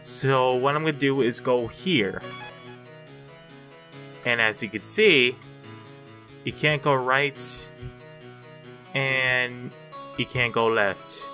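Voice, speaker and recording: A man giving casual gameplay commentary in an excitable, sweary, exasperated manner. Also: mid-range voice, slow, pauses often, soft background music. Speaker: gamer commentator.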